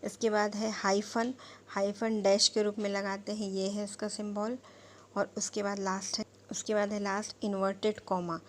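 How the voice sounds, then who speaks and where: A woman's voice: mid-range voice, level tone, moderate pace. Patient woman teacher, faint hiss. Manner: repeats "ठीक" and "है ना" to check understanding; spells words out letter by letter. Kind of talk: classroom lesson on punctuation.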